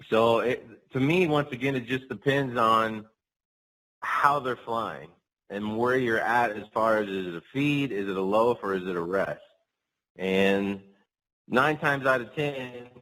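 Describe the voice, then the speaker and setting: A man's voice: on the low side, a bit bright, rough recording. A man speaking as a guest hunting guide, casually explaining technique in an interview.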